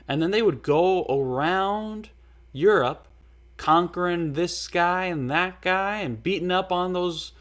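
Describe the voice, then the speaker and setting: Man, casual lecture, slow pace, rambling, many fillers. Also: on the high side, a bit bright.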